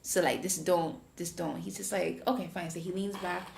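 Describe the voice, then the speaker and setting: A woman's voice: on the low side, moderate pace, vocal fry, slight background noise. A woman with a Jamaican accent hosting a podcast, telling a story in casual chat and acting out the voices. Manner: animated, acts out voices when retelling. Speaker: podcast host. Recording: roomy echo.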